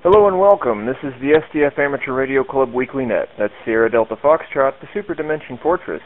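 A man's voice: mid-range voice, fast talker. A man running an amateur radio net in a formal, methodical way, spelling call signs phonetically, heard through a radio transmission. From Arkansas. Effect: heard over a narrow-band radio link. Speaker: net control operator.

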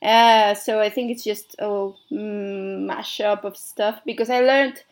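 On a casual radio show, a young Mexican woman whose first language is Spanish talks slowly in a steady, mid-range voice. Her accent is Mexican tinged with American English, and her rambling is full of "like" and "I don't know."

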